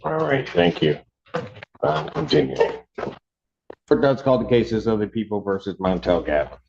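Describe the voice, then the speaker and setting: A man presiding as judge, captured on a courtroom recording, firm and quick to cut in with "hold on.". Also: on the low side, animated, gravelly, background noise. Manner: firm, interrupts with repeated "hold on". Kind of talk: presiding over court hearings. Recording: dull courtroom audio recording.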